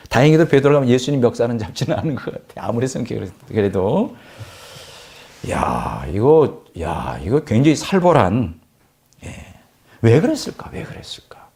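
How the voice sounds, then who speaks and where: A middle-aged man preaching an expository sermon, acting out scenes with sharp swings in his voice. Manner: animated, acts out scenes with sharp pitch swings. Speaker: pastor.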